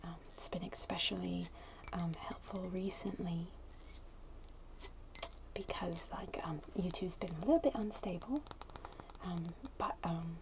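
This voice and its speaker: A woman speaking very softly and breathily in a casual, hesitant ASMR chat to viewers, in a hushed near-whisper. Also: on the low side, a little slow. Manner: very soft, breathy, hushed delivery. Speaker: ASMR video creator. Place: indoors at a wooden table. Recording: clicky tapping noise over close voice. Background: fingernail tapping and scratching on glass bottle.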